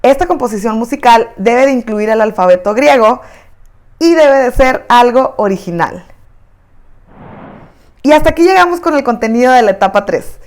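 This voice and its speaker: A woman's voice: a little high, expressive, normal speed, long pauses, darkish tone. Mexican woman teaching an online lesson. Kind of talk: recorded online lesson narration.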